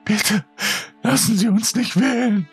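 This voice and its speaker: A man's voice: high-pitched, measured pace, slightly rough, faint music behind, voice pushed up, exaggerated voice. A man voicing a sobbing, terrified mother. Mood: begging. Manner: desperate begging, stammering.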